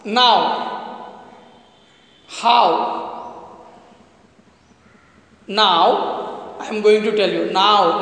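A man with a voice teaches pronunciation, repeating each sound over and over. His voice sits very high and moves at a deliberate, unhurried pace. The recording is heavy with echo, with a long reverb tail like a bare hall. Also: a bit bright. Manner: drills words slowly, repeating each sound. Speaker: college English teacher. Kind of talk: pronunciation lesson. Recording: echoey room with long reverb.

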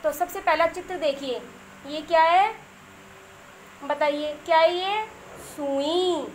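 A high-pitched woman teaches young children, stretching each word out slowly sound by sound and repeating it. She keeps asking the class questions and answers them herself in a patient, drawn-out way. A faint hum of ambience sits behind her. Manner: spells words slowly sound by sound, asks and repeats. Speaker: primary school teacher.

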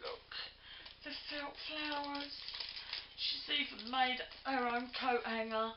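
A woman unboxing a gift on a craft vlog, gushing and effusive, with lots of breathy "oh"s. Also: high-pitched, fairly even intonation, slow, a little hiss or hum. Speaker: crafting vlogger. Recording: lo-fi home video, roomy.

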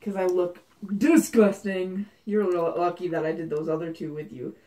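A woman's voice: on the low side, fairly even intonation, warm tone, poor audio. A young woman joking around with her friend on a vlog, laughing often. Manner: joking, laughs a lot, slow drawl. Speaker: friend and co-host.

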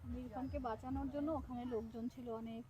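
A woman playing along in a prank, insistent and quick as she argues her side. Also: fairly high pitch, lo-fi sound. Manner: rapid, animated, insistent. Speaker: prank partner. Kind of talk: casual chat and staged argument.

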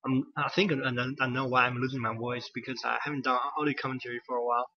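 This man narrates a strategy game by himself at a quick pace, his medium-pitched voice barely moving in pitch and starting to go. He meanders, fixes his own phrasing and uses plenty of fillers, all in lo-fi sound.

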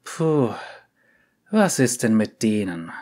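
A man's voice: lowish voice, big pitch swings, takes it slowly, darkish tone. A man voicing a gloomy, sulky young female yordle who answers curtly in a storybook reading. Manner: sullen, curt.

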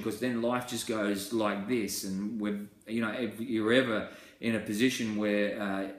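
A man's voice: lowish voice, roomy sound. A man presenting a small-group life course, earnest and chatty, talking to a desk webcam with many fillers and restarts. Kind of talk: small-group teaching talk. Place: indoor room with wall pictures.

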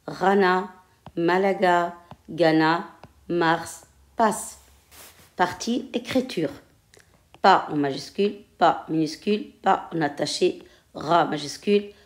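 A woman teaching a French reading lesson, drilling syllables and simple words one at a time. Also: lowish voice. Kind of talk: slow reading lesson for adult learners.

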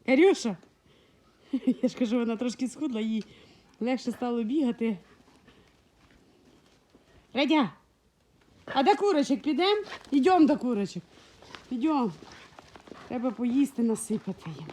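A woman's voice: on the high side, expressive, moderate pace, long pauses, a little mellow. A woman from Ukraine, a dog breeder, talking casually in her vlog in a frosty yard, cooing and baby-talking to her dogs into a handheld phone.

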